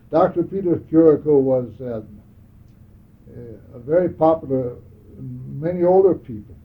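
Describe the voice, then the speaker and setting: An elderly man reminiscing about his childhood in an oral history interview, speaking haltingly with many pauses and restarts. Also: mid-range voice. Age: older. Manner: halting, frequent hesitations and restarts. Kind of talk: reminiscing conversation. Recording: narrow phone-like old tape.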